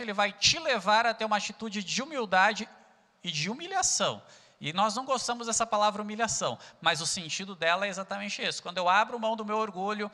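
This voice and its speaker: Bright, high-voiced Brazilian man preaching. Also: in a large hall. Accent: Brazilian Portuguese. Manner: earnest preaching, asks rhetorical questions. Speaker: pastor. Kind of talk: sermon.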